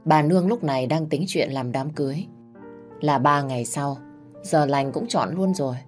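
A woman reading a dramatic audiobook story in a measured storytelling manner. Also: sits low, a little mellow. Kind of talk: scripted audiobook narration. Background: faint background music.

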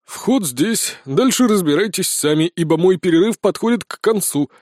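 A man voicing a proud, boisterous male dwarf miner who talks in a loud, folksy way. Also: sits high, expressive, normal speed, no room sound, studio quality, pitched above the performer's own voice.

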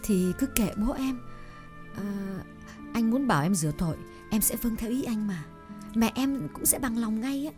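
A woman voicing a shy young village woman in love, speaking softly and hesitantly with stammers in an audiobook drama reading. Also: on the high side, animated, moderate pace, music in the background, close to an everyday voice. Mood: eager.

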